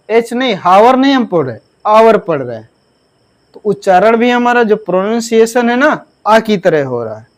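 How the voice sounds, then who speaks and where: Slow, high-voiced male grammar teacher. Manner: asks the class questions and answers them himself; spells words out letter by letter. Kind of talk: classroom lesson explaining grammar rules.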